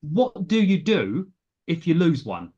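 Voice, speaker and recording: A British man hosting a casual conversation, asking measured, thoughtful questions. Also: a little high, big pitch swings, dark tone, husky, lo-fi sound. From Britain.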